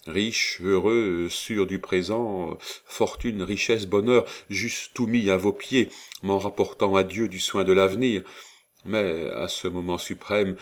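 A man voicing an earnest, resolute young nobleman in an audiobook, speaking in a measured, solemn way. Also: low-pitched.

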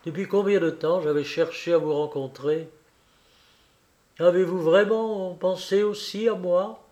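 A man's voice: high-pitched, fairly even intonation, measured pace, darkish tone, highs cut off. A man reading aloud as an eager, proud teenage boy who speaks in fervent, rising outbursts.

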